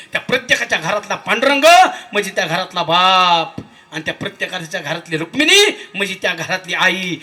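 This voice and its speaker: A man preaching a devotional kirtan sermon, calling out to his listeners and rising to shouts. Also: sits high. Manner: impassioned, calls out to the crowd, rises to shouts.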